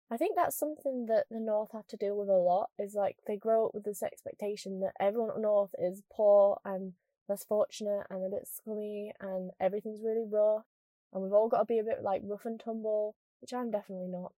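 A woman's voice: medium pitch, steady tone, brisk, mellow, dry recording, clean studio sound. A young woman from Scunthorpe with a northern English accent, chatting casually to camera in a jokey, self-deprecating way. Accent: northern English, Lincolnshire. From Scunthorpe, northern England.

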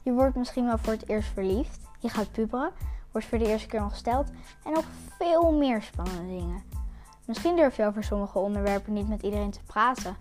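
A woman's voice: mid-range voice, fairly quick, a little mellow, soft background music. A young teenage girl hosting a podcast in a casual, chatty way. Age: child or young teen. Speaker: podcast host.

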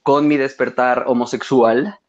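A man's voice: medium pitch, fairly even intonation, unhurried, highs cut off. A young man with a Mexican accent, chatting playfully about his favorite singers. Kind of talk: casual chat.

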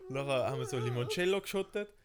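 A young man with a Swiss German accent telling a funny travel story in casual chat, lively and laughing often. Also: mid-range voice, rapid-fire, a crowd in the background. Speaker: podcast co-host.

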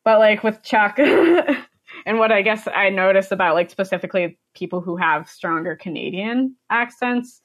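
A woman's voice: medium pitch, moderate pace. A young American woman from the United States, a podcast guest chatting casually, rambling with many fillers and frequent laughter. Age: young adult.

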